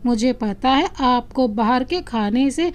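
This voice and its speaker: A woman voicing a tired but affectionate young wife who speaks gently and shyly, in a storybook reading. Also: high-pitched, lively intonation, slow pace. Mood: fond. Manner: gentle, shy.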